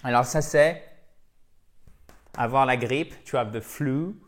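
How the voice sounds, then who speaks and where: A French-speaking man giving a lively English vocabulary lesson, chatty with his viewers and repeating words to drill their pronunciation. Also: mid-range voice, slow pace. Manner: chatty, addresses viewers as dear friends. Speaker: English teacher.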